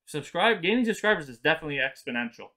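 Higher-pitched male livestream co-host. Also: sing-song, rapid-fire, sharp tone. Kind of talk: casual livestream chat.

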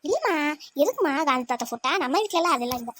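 A woman's voice: high voice, big pitch swings, racing, a bit bright, no room sound. A woman voicing a fond, scolding middle-aged mother-in-law in a cartoon, with a Tirunelveli Tamil accent. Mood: curious. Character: doting middle-aged mother-in-law, bossy with her son. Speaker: cartoon character.

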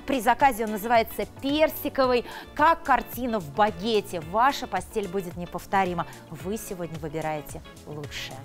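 A woman's voice: mid-range voice, normal speed, hardly any pauses. A woman presenting as a shopping channel expert, with a polished, emphatic and admiring sales delivery. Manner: emphatic, admiring product explanation. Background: background music.

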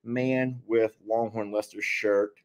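A man with a deep Southern Texas drawl, chatting casually and jokingly on a live stream in a folksy, rambling way. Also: little pitch movement, measured pace. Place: living room at home.

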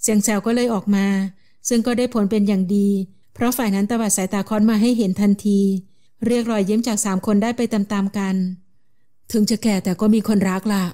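Mellow-voiced woman narrating a novel. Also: medium pitch, fairly even intonation, a little fast. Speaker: audiobook narrator.

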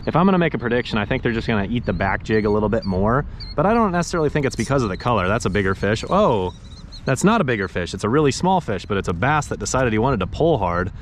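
A man in his thirties gives casual fishing commentary from a kayak out on a pond. He sounds chatty and easily excited, now and then tossing in dude or bro. His voice sits in a middling range, caught by a camera on the boat with a faint hiss of outdoor noise behind it. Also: medium pitch, quick pace. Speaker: fishing vlogger. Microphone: action camera mounted on the kayak.

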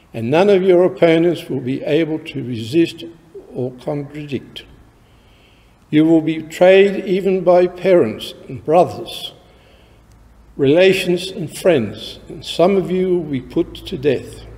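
A man with an Australian accent, a priest reading the Gospel at Mass in a slow, measured way, his voice ringing with cathedral echo. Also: fairly high pitch, mellow. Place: large church. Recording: long cathedral reverb.

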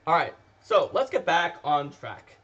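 A man's voice: fairly high pitch, big pitch swings, measured pace, fairly bright tone, muffled recording. A man co-hosting a casual chat show, talking in a chatty, rambling way with many fillers. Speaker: podcast co-host.

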